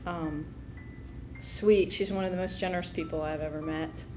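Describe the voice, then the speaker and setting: A woman's voice: low-pitched, steady tone, moderate pace, a little mellow, soft background music, poor audio. A woman in an interview talking hesitantly and giggling about her partner.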